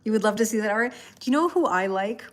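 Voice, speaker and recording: This Canadian livestream host reads tarot while chatting loosely with her audience, naming viewers as she reads their comments and laughing frequently. She talks fast and expressively in a mid-range voice, rambling in a relaxed, casual way.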